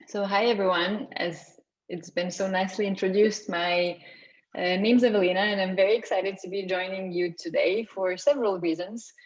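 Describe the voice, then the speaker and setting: Young Lithuanian-born woman presenting over video call, chatty and unpolished, mid-pitched. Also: steady tone, moderate pace. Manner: conversational, with frequent restarts. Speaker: guest speaker. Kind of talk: online meetup talk. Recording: slightly dull video call audio.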